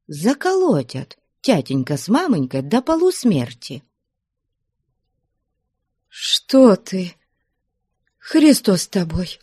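A woman's voice: on the low side, very animated, measured pace, mellow, slightly rough, dry recording, clean studio sound, pitched above the performer's own voice, exaggerated voice. A woman reader voicing a frightened young girl in an audiobook. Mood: fearful. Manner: anxious, fearful.

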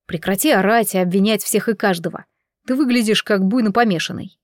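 A woman reading the part of a calm, dismissive young man who speaks coldly and evenly. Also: mid-range voice, fairly quick, no echo, studio quality, close to an everyday voice. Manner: cold, level.

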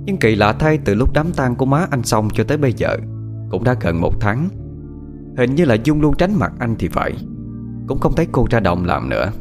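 A man with a Southern Vietnamese accent narrating a ghost story in a dramatic, expressive way. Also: medium pitch, moderate pace, over music.

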